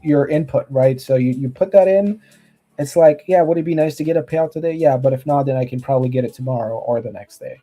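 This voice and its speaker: A man's voice: medium pitch, fast talker, dark tone. A man from Romania, a guest trader, gives earnest motivational advice in casual chat over a video call, often restarting his sentences.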